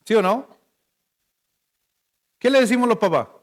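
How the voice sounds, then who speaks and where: A man's voice: very high voice, animated, a little slow, in a large hall. A male pastor with a Chilean Spanish accent preaching a sermon in a playful, conversational way, telling stories to his congregation. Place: church hall.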